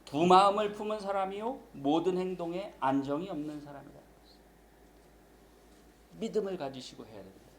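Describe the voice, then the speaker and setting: A man's voice: sits high, lively intonation, normal speed, slight background noise, rough recording. A man preaching a sermon as pastor, emphatic and acting out the voices he quotes.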